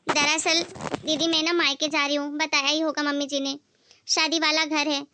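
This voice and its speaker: A woman voicing a meek young daughter-in-law who pleads softly, in an amateur family skit. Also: high voice, little pitch movement, moderate pace, background noise, close to an everyday voice. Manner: soft and pleading.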